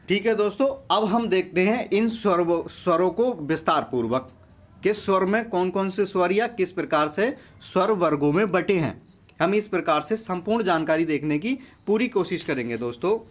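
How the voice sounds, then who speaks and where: High-voiced man teaching a grammar lesson. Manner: explains step by step, often addresses viewers as friends. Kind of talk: exam-prep grammar lesson.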